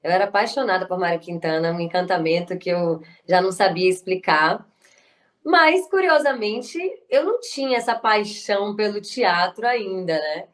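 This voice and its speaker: This guest, an actress, writer and improviser from Salvador, speaks with a Bahian Brazilian Portuguese accent in an animated, fairly bright mid-range voice at a moderate pace. She performs expressively, mixing declaimed poetry with personal storytelling.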